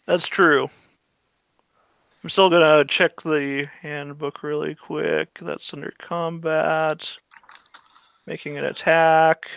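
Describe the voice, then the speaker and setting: Male game master, casual narration, higher-set bright voice, very dry sound. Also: little pitch movement, takes it slowly, creaky, pauses often, clean tone, dry recording, dull audio.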